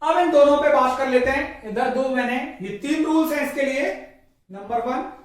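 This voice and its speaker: At a moderate pace, a very high-pitched man leads a pronunciation lesson, repeating words as drills. He poses questions and answers them on his own, and the distant mic picks up lots of room echo.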